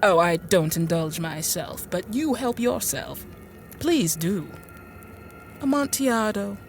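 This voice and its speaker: The actress speaks slowly but animatedly in a mid-range voice, faint music behind her, as the polite, hesitant heroine of a radio drama. Her character, a genteel, infirm middle-aged woman inventor, is bookish and apologetic, using courteous, old-fashioned speech in both monologue and dialogue.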